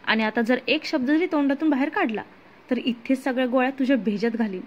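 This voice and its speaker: A woman voicing a fat male hired thug who loudly threatens a captive, heard on a muffled lo-fi recording. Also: extremely high pitch, a little fast. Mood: menacing. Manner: menacing, loud.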